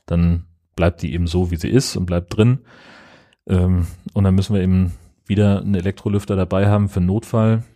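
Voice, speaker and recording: Low, warm-voiced male podcast co-host; plain, matter-of-fact explainer. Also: steady tone, fairly quick. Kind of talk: casual chat.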